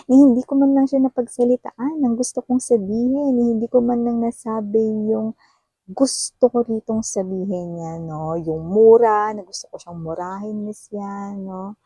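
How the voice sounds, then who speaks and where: A woman's voice: fairly high pitch, fairly even intonation, normal speed, mellow, breathy edge, no echo. A woman voicing a bitter jilted client who vents aggrieved complaints at her tarot reader in Taglish.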